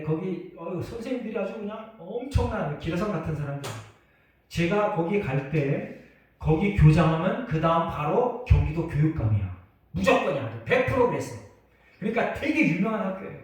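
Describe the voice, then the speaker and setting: Middle-aged pastor guy preaching, emphatic, goes loud then quiet, far off mic in a big echoey church. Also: a little high. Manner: emphatic, swings from loud outbursts to hushed asides. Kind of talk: sermon with personal story. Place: church sanctuary.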